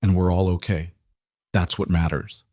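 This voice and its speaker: A man voicing a gentle young woman who speaks quietly and carefully. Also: low-pitched, steady tone, normal speed, dry recording, clean studio sound, natural voice. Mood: soothing.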